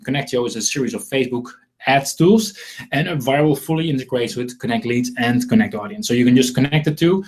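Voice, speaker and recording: This webinar host from the Netherlands sells marketing software in a casual live session, talking fairly quickly at a medium pitch with a darkish tone. He has a Dutch accent and tends to ramble, repeat himself and poke fun at himself.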